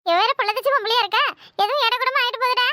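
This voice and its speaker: A woman voicing a fussy, superstitious old mother-in-law in a Tamil village cartoon. She has a Tirunelveli accent and a scolding, fretful way of talking, in a high, quick voice that sounds dry and close. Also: sharp tone, no echo. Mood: fussing. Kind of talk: cartoon voice acting.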